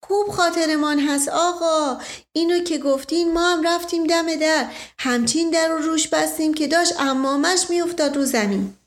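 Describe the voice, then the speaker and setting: A woman's voice: sits high, pitched above the performer's own voice, lightly acted. A woman voicing a simple, boastful old male servant who tells folksy stories.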